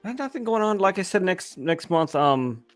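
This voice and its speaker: A man guest in a casual chat, deadpan, trailing off as he runs out of news. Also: high-pitched, moderate pace, soft background music.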